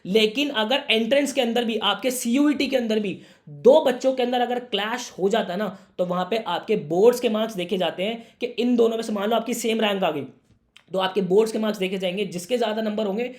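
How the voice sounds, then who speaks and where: A young man talks straight to camera, giving students earnest career advice. His voice is a little hoarse from a sore throat. He keeps up a warm, brotherly tone and talks to the viewer as if to a younger sibling. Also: high voice, fast talker. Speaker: career guidance YouTuber.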